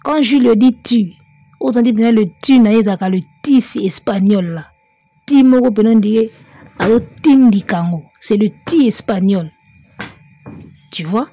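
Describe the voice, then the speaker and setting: A woman's voice: mid-range voice, warm tone, slightly rough, no echo. A woman, giving chatty, emphatic music commentary. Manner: mixes French and Lingala, chatty and emphatic, breaks into song. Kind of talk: casual spoken commentary.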